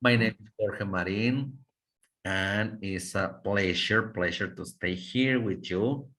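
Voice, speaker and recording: A man's voice: on the low side, slow, a bit bright. Man teaching English by video call. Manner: coaching, mixes Spanish and English, models intonation. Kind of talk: online class feedback.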